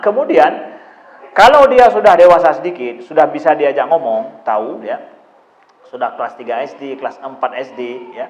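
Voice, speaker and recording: Preacher with a raised voice. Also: male voice, on the high side, reverberant, lo-fi sound. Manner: repetitive, conversational, asks the audience rhetorical questions. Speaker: Islamic preacher answering parents' questions. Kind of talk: religious lecture on parenting.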